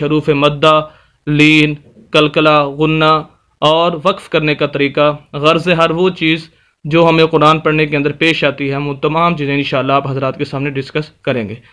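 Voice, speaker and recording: A man teaching Quran reading in a step-by-step recitation lesson, patiently explaining and then slowly spelling out letters and vowel marks. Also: fairly high pitch, a bit bright, clean tone. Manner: patient explanatory tone, addresses viewers politely.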